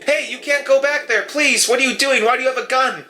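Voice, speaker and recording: A frightened young nurse pleads in a flustered rush, as a man game master puts her on. Her voice sits higher and brighter than an everyday man's. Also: fairly quick, a little hiss or hum. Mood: alarmed.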